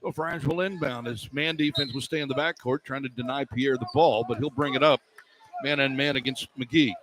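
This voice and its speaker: On a low-quality recording with crowd noise, a man with a medium-pitched voice does fast radio play-by-play of basketball. Working courtside in an indoor arena, he keeps a clipped running description going and gets excited when key plays happen, the arena's sounds clearly present.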